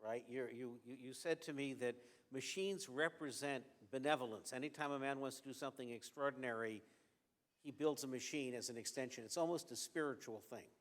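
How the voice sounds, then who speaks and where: Onstage at an event venue with an audience, a man moderates a fireside conversation in a mid-range voice that's a little fast and has a big-room sound. He's chatty and conversational, often restarting sentences by repeating words.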